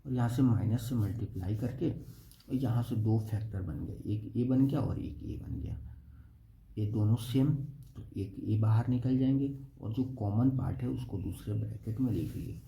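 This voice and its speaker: Gravelly young man teaching math. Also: on the low side, moderate pace, mellow. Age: young adult. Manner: explains step by step, keeps asking "okay?". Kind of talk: blackboard math lesson. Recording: echoey room with faint noise.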